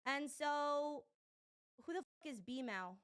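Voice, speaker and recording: A woman's voice: sits high, takes it slowly, fairly bright tone. A young woman streamer giving rambling, exasperated commentary on clips, swearing a lot. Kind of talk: casual commentary reacting to clips.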